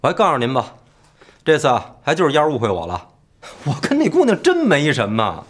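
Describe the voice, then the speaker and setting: An actor playing a boastful, flirtatious engineer who pleads and justifies himself in a TV drama. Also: male voice, on the high side, wildly swooping pitch, a little fast. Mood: indignant. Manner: smooth-talking, pleading, indignant. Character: boastful philandering male engineer, self-justifying. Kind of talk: TV period drama acting.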